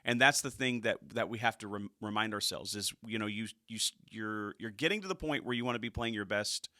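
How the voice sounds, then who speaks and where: A man co-hosting a casual football stats show, enthusiastic and quick to laugh, dropping quieter when he reflects. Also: on the low side, no room sound, studio quality. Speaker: co-host of a high school football stats show. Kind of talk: casual sports chat.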